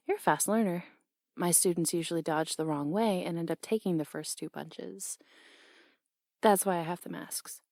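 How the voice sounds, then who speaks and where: A young woman voicing a brash, teasing tomboy boxing coach in an audio role-play, blunt and quick to laugh. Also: on the low side, a little mellow, dry recording, studio quality, close to an everyday voice.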